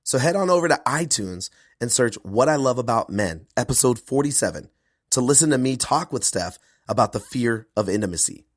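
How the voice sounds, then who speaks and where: A male podcast host and performance coach delivering an earnest intro monologue, his voice hoarse from a cold. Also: medium pitch, fairly quick, no echo, clean studio sound. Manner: earnest, animated, self-promoting.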